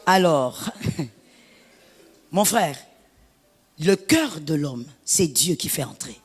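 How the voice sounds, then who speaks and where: A woman pastor delivering an animated sermon, her preaching rising to shouts. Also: low voice, drawn-out words, breathy edge, big-room sound.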